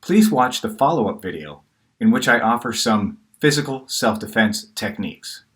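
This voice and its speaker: A man delivers an emphatic self-defense lesson, setting up rhetorical questions and answering them himself. His voice sits in a middle pitch. The room around him is noticeably echoey. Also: lively intonation, moderate pace, fairly bright tone, slight background noise. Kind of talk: instructional presentation.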